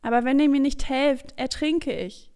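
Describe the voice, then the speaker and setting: Woman doing a scared stranger sheep, begging for help, bit high. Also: moderate pace, dark tone. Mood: pleading. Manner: pleading, upset. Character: frightened stranger sheep fleeing wolves, pleading. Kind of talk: storybook read-aloud.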